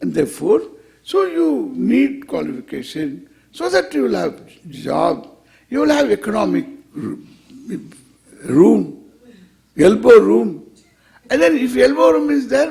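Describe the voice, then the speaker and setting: A male Indian swami speaks in a very creaky, crackling voice that sits high for a man and swings widely in pitch. He teaches informally with an Indian English accent, putting questions to his listeners and answering them himself with wry, playful humor. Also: sing-song, measured pace, mellow. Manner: rhetorical question-and-answer, repeats phrases for emphasis. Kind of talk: informal spiritual discourse to a live audience.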